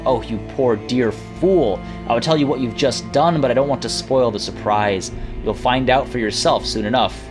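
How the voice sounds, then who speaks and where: A man's voice: mid-range voice, moderate pace, hardly any pauses, natural voice. A man voicing a cruel young noblewoman villain from a video game, with menacing, grandiose, sneering delivery. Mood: haughty. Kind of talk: video game dialogue read aloud. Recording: music playing behind.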